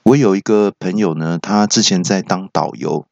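A man's voice: low voice, normal speed, vocal fry, no echo, highs cut off. A man with a Taiwanese Mandarin accent hosting a comedy podcast, telling funny stories and acting out the dialogue. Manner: jokey, acts out dialogue with raised voice. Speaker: podcast host. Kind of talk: stand-up style storytelling.

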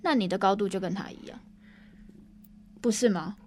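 A woman's voice: medium pitch, moderate pace. A woman in her thirties with a Taiwanese Mandarin accent, chatting casually on a podcast and acting out the people she quotes. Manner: animated, acts out quoted people in put-on voices. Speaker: co-host, former TV news worker.

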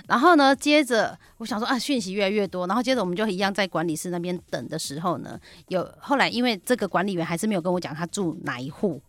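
Fast-talking woman telling a lively story. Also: medium pitch, dry recording. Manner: animated storyteller, acts out quoted dialogue. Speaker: real estate agent guest. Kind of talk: casual radio chat, storytelling. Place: radio studio.

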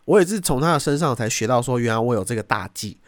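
With an animated, mid-range voice and a fast delivery, a young man hosts a podcast in a Taiwanese Mandarin accent. He shares stories casually, swears without hesitation, and performs the quotes. No echo is present.

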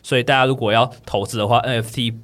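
A man's voice: mid-range voice, steady tone, quick pace, fairly bright tone. A man with a Taiwanese Mandarin accent, co-hosting a podcast and explaining things in a casual, filler-heavy way. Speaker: podcast co-host.

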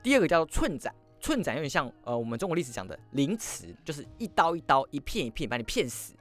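A man hosts a history podcast and tells the story with swooping, animated pitch. His delivery is quick and theatrical. Soft music runs underneath his voice. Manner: lively, acts out quoted lines in shifting voices.

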